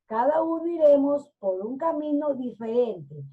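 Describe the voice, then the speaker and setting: A woman playing a sly storybook wolf who coaxes in a high, sugary voice that swoops up and down. He speaks slowly, drawing out each word, and the recording sounds slightly muffled. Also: lively intonation. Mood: coaxing. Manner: coaxing, sugary voice put on to fool. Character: sly big bad male wolf, storybook villain.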